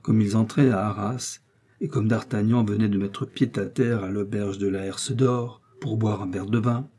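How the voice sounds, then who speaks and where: A man narrating a classic novel as an audiobook, in a measured storytelling manner. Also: fairly low pitch, warm tone, breathy edge. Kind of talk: scripted narration.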